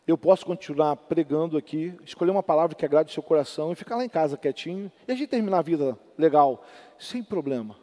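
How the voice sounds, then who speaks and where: Preaching man, high voice, hall echo. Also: quick pace. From Brazil. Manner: swings from loud exhortation to soft storytelling. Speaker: pastor. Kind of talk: sermon. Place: large church hall. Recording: long church hall reverb.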